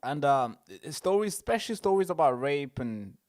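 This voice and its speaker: High-voiced young man hosting a stream. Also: very animated, moderate pace, darkish tone. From Tanzania. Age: young adult. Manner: addresses viewers directly, repeats phrases. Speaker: show host. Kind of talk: casual livestream commentary. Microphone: wearing headphones.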